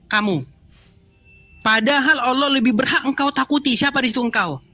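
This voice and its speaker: A man with a strikingly high, bright voice hosts a heated live-stream debate. He talks with insistence, circling back to the same question again and again. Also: normal speed, faint music behind, poor audio. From Indonesia. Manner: emphatic, repeats questions insistently. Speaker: channel host debating a caller.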